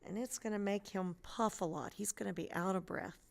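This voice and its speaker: A woman's voice: medium pitch, steady tone, fairly quick, creaky. A woman math teacher narrating a screencast lesson, explaining step by step in a patient way with playful memory tricks.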